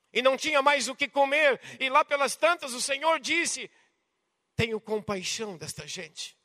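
A Brazilian Portuguese preacher with a strikingly high, bright voice delivers a dramatic sermon. He swings between forceful outbursts and hushed, intimate passages. His voice rings through a church hall with long reverb. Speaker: pastor.

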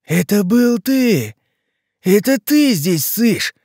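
A man's voice: fairly high pitch, expressive, a little slow, a little mellow, no room sound, clean studio sound, voice pushed up. A man voicing a furious, foul-mouthed male forest monster that snarls curses and threats.

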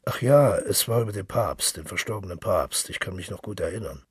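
A man's voice: low voice, expressive, fairly quick, breathy edge, dry recording, clean studio sound, full character voice. A man voicing a touchy bedridden middle-aged invalid who recalls things eagerly.

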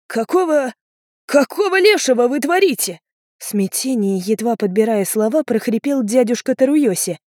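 A woman narrating a first-person audiobook in a calm, even reading manner. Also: fairly high pitch, no room sound, studio quality.

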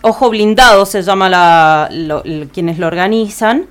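A woman with an Argentine Spanish accent reads an events agenda on a community radio show. She pauses on fillers and corrects herself as she goes. Her voice is smooth and clear, sitting at a middle pitch. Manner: reads listings with frequent "eh" fillers and self-corrections. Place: radio studio.

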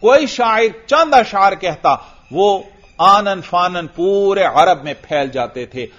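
A man giving a classroom lecture on Arabic grammar as a religious teacher, chanting verses slowly and putting questions to his students. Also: high voice, expressive, a bit bright. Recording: dull lo-fi lecture recording.

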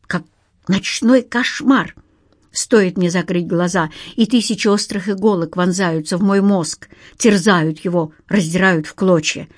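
A woman's voice: fairly low pitch, darkish tone, no echo, clean studio sound. A woman voicing a panicky, hysterical young male banker in an audiobook, with frantic, sobbing pleas. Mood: fearful.

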